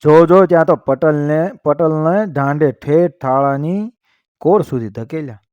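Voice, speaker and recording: A man's voice: a little high, unhurried, a little mellow, smooth, dry recording, lo-fi sound, voice pushed up, close to an everyday voice. A man reading the part of a weary middle-aged village woman who recounts a farm accident in plain rural speech, rising on urgent words. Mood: urgent retelling. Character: worn-out middle-aged village woman telling her misfortune.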